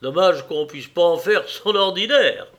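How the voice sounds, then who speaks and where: A man's voice: high-pitched, expressive, unhurried, fairly bright tone, pitched above the performer's own voice. A man reading aloud and voicing a stout, greedy middle-aged man who grumbles and mutters. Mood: grumbling.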